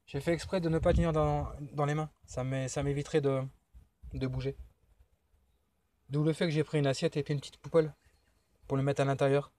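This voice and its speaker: A man, a paranormal investigator speaking halting, stammering words to spirits outdoors during a ghost hunt. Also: on the high side, little pitch movement, dark tone. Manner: halting, stammering, restarts often.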